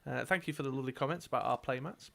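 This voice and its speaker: A man's voice: medium pitch, racing, creaky, fairly bright tone. A man co-hosting a casual dice game stream, talking his team through with lots of fillers and reading out card text. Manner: chatty, many fillers, reads out card text. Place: indoors at a gaming table.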